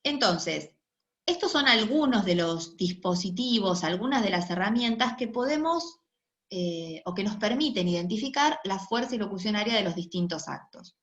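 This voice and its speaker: A university lecturer with a medium-pitched, fairly bright voice explains linguistics expressively and at normal speed in a recorded online class. She often checks in with her listeners. The room is echoey and the sound dull and lo-fi.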